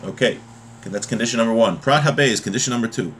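In a fast, fairly bright, medium-pitched voice, this thirtysomething American reads a religious text and then unpacks it in an informal teaching style, often restating himself. A webcam or laptop mic at desk distance picks him up in a small home room, with room noise clearly present.

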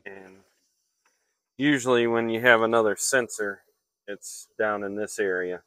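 A man's voice: fairly low pitch, fairly even intonation, unhurried, fairly bright tone, smooth, no echo, clean studio sound. A man working as an HVAC technician, explaining a repair step by step in a matter-of-fact way while he works outdoors on a rooftop, filmed on a handheld phone. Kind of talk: hands-on repair walkthrough. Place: outdoors on a flat commercial rooftop.

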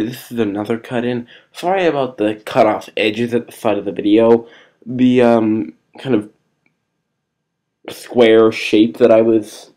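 A man with a low, gravelly voice talks through a video game in a loose, unscripted way. He rambles and hesitates often, filling the gaps with ums and uhs. It sounds like a casual gameplay commentary. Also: mellow. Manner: rambling and hesitant, many fillers. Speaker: let's play gamer.

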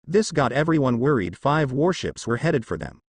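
A man narrating a fan-written story as a steady read-aloud. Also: medium pitch, moderate pace, husky, dry recording. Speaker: fanfiction narrator. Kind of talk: scripted narration.

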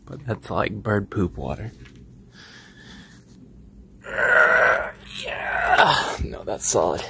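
A man chatting casually to his phone outdoors in a backyard as he vlogs, halting, grumbling and swearing as he goes. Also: fairly low pitch, lively intonation, vocal fry. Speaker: vlogger. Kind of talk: casual first-person outdoor vlog chat, muttering to camera. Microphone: handheld phone held by the speaker. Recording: noisy handheld outdoor phone recording.

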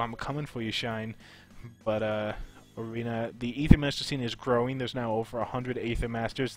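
A man hosting a casual game strategy tutorial, his voice a little off after being sick. He explains in a relaxed way with frequent "uh"s. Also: medium pitch. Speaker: gaming channel host.

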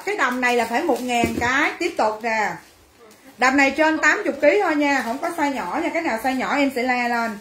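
Brash high-voiced saleswoman. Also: a bit bright, reverberant, slight background noise. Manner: brash, teasing, banters with viewers. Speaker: livestream clothing seller. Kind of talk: livestream sales chat.

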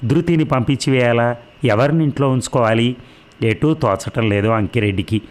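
A man narrating a novel aloud in a measured, reflective way. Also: medium pitch. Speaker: audiobook narrator.

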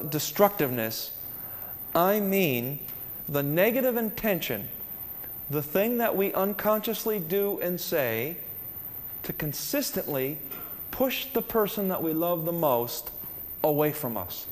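A man's voice: high voice, a little mellow, in a large hall. A man giving a spiritual lecture to a live audience, earnest and conversational, often putting questions to his listeners.

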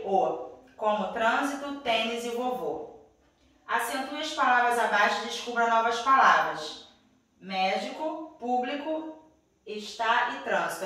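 A woman's voice: on the high side, pushed and bright, distant mic. Patient Brazilian woman teacher, echoey room. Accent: Brazilian Portuguese. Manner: patient, checks in with "tá?" after each step; refers to herself as "tia [name]". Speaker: primary school teacher. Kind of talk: reading out a worksheet to young pupils.

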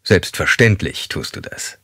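A man voicing a calm, controlling male serial killer, speaking slowly and with menace. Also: no echo, clean studio sound. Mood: menacing. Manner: slow, measured and menacing, at times hissed.

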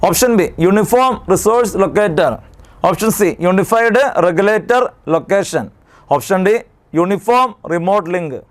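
A man's voice: high-pitched, animated, moderate pace. A man teaching an exam prep lesson, who drills terms by asking a question and then repeating the answer.

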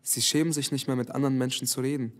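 Male dance trainer, earnest, mid-pitched, slightly halting interview delivery. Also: flat delivery. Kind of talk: documentary interview.

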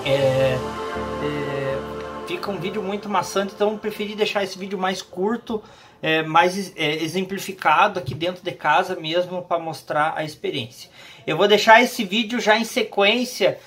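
A man's voice: high-pitched, moderate pace, fairly bright tone, soft background music. A Brazilian man in his thirties gives a casual product review to camera, speaking hesitantly and repeating phrases for emphasis. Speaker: YouTube gear reviewer. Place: small home office room indoors.

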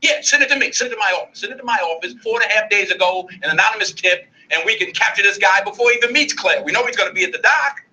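An actor playing a driven, impatient federal agent in a film scene, pressing scientists with sarcastic, insistent questions. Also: male voice, sits high, rapid-fire, few pauses, sharp tone, poor audio. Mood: urgent. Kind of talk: film drama dialogue.

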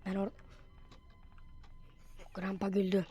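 Woman gamer, casual play-by-play, frustrated yelps, soft music in the background. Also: medium pitch, slow pace, slightly rough. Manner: excitable, bursts into frustrated yelps. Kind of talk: casual gameplay commentary.

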